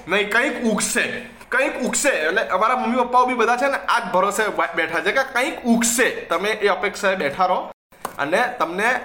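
Young male comedy host, bright sarcastic mock newsreader, roomy sound. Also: high-pitched, slight background noise. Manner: sarcastic, mixes in English words. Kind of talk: comedic mock news monologue. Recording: echoey room.

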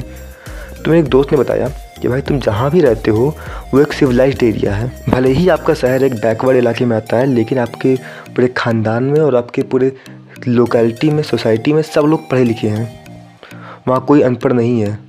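A man's voice: mid-range voice, mellow. A young man from India hosting a solo podcast, talking casually and directly to his listeners and slipping English phrases into his sentences. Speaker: podcast host.

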